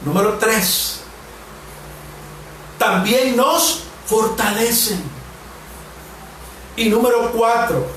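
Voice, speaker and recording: A man in his forties from Mexico preaches and prays as a pastor, his voice pitched high for a man. He leans on slow, earnest repetitions, one phrase after another. The mic sits some distance away in a very echoey room with a faint hiss behind him. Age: 40s. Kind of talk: sermon and prayer.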